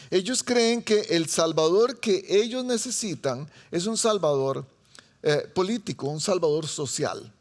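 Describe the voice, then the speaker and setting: A man with a Costa Rican accent preaching a sermon to a seated congregation, chatty and joking with them. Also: high voice. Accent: Costa Rican Spanish. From Costa Rica. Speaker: pastor. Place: church sanctuary before a seated congregation.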